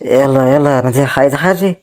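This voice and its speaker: A man's voice: medium pitch, fast, darkish tone, natural voice. An actor with an Egyptian accent playing a proud, kind brother who has lost everything and keeps telling his sister not to worry. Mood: reassuring. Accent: Egyptian Arabic. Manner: reassuring, brushes off worry. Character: kind, proud brother left poor and homeless. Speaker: actor in a web drama.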